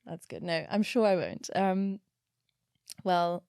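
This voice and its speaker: A woman's voice: lowish voice, takes it slowly, darkish tone, clean tone, no room sound, clean studio sound. A woman hosting a podcast interview, thinking aloud in a reflective, meandering way. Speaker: podcast host. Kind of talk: conversational interview.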